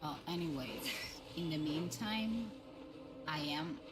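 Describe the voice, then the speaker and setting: A woman live streamer with a low-pitched voice talks slowly and casually, thinking out loud as she plays a game, while music plays in the background.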